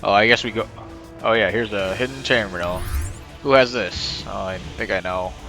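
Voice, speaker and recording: A man's voice: fairly low pitch, normal speed, sharp tone, faint music behind. A man giving casual let's play commentary, rambling and thinking aloud as he plays. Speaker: game streamer.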